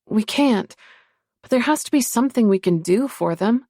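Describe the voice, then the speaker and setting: A woman voicing an earnest, caring young woman in an audiobook, lifting her voice higher and louder than her narration. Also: animated, moderate pace, no echo, studio quality.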